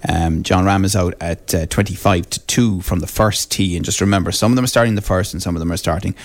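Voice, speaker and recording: A man with an Irish accent hosts live radio. His voice sits deep, and he presents and asks questions in an informal, conversational way. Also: steady tone, fast, no echo. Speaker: radio host and interviewer.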